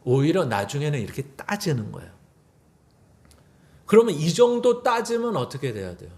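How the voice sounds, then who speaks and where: High, lively-voiced man preaching. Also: moderate pace. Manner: asks the congregation rhetorical questions; acts out quoted dialogue in shifting voices. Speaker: pastor. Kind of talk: sermon. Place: church sanctuary.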